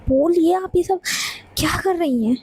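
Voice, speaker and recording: A woman's voice: very high-pitched, moderate pace, dark tone. A woman voicing a nervous, deferential young woman who stammers and repeats syllables. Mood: pleading.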